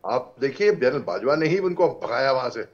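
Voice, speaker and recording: Male debate panelist, mid-pitched, steady and explanatory, heard over a dull remote video link. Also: moderate pace. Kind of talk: TV debate commentary.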